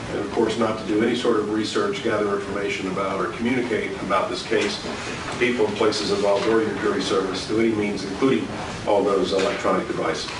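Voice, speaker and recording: A man serving as judge, giving measured, formal instructions to a jury, heard in a courtroom recording. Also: fairly low pitch, steady tone. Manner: measured, deliberate, with frequent uh fillers. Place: large courtroom. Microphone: distant room mic. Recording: echoey courtroom, far mic, loud hiss.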